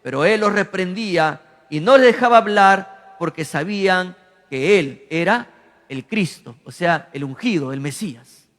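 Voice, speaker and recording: A man preaching a teaching sermon, repeating verses and telling listeners to write notes, rising sharply in pitch and volume when reading the demons' cries. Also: expressive, a little slow, fairly bright tone. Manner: repeats verses and lines for emphasis. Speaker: pastor. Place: church. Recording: long church hall reverb.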